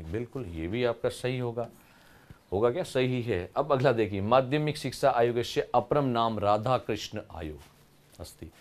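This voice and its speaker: A man's voice: medium pitch, darkish tone. A man teaching an exam solution lesson with a Rajasthani accent, explaining step by step and answering his own questions.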